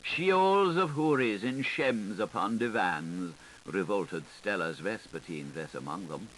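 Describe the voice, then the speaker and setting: Steady hiss runs beneath this 1980s tape recording, and the audio is poor. The narrator, a man with a fairly low voice, reads literary prose at a measured pace, giving it a lilting, theatrical and varied delivery.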